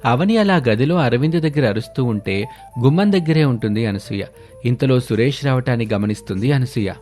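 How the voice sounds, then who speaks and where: A male narrator telling a scripted animated moral story with steady, dramatic delivery. His voice sits in a middle pitch. Soft music plays underneath. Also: a little fast.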